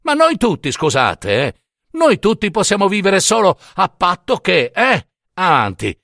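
A man's voice: high-pitched, huge pitch swings, unhurried, gravelly, pushed and bright, dry recording, studio quality, voice pushed up, exaggerated voice. A man voicing an indignant skeptic who argues in a heated, rhetorical, exclamatory way.

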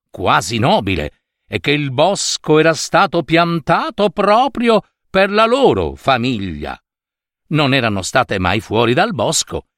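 A man reading a fairy tale aloud in an expressive, playful way. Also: mid-range voice, no echo, clean studio sound. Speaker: storyteller.

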